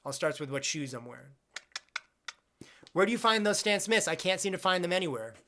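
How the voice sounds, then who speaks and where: A man's voice: sits high, lively intonation, fairly quick, pushed and bright, slight background noise. A man in his twenties chatting casually on a live stream, reading out viewer questions and rambling with jokes at his own expense. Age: 20s. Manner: rambling, self-deprecating, jokey.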